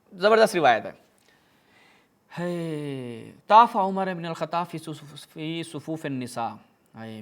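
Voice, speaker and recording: Sarcastic man lecturing. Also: medium pitch. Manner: sarcastic, mocking asides, dramatic reading of Arabic narrations. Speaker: religious speaker. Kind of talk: polemical lecture reading from books.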